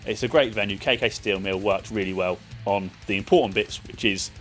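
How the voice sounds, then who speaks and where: A man's voice: lowish voice, brisk, over loud music. A man giving a casual, chatty spoken review of a festival, loose and full of ums and uhs. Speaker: vlogger reviewing a metal festival.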